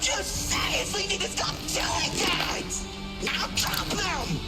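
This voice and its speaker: A woman's voice: very high-pitched, big pitch swings, takes it slowly, exaggerated voice. A woman voicing a vain, tyrannical theatrical showman narrator in a game cutscene, grandiose and melodramatic. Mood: furious, imperious. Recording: loud music behind the voice.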